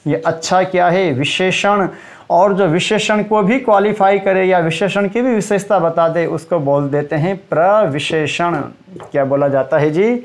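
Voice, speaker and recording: A man with a high-sitting voice teaches a Hindi grammar lesson, quizzing his students and slowly repeating key terms for emphasis.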